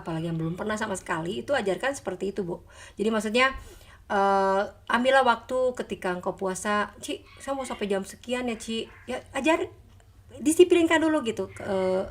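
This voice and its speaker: Animated middle-aged woman giving church testimony. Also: medium pitch. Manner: animated storyteller, laughs often, quotes her children. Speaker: guest speaker.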